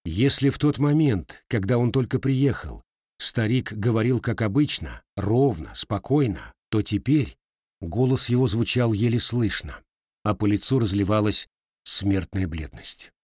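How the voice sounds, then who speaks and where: Low expressive male audiobook narrator. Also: unhurried, breathy edge, no echo, studio quality. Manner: expressive storytelling.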